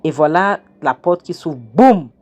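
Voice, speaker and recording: A woman's voice: fairly low pitch, lively intonation, unhurried, a little mellow. A woman casually retelling a film scene by scene from her kitchen, acting out the characters' lines with animation. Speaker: film recap narrator. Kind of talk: casual film recap storytelling.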